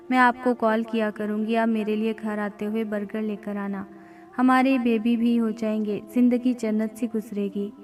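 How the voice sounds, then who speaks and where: A woman's voice: a little high, close to an everyday voice. A woman voicing a loving young wife who speaks in a tender, pleading way.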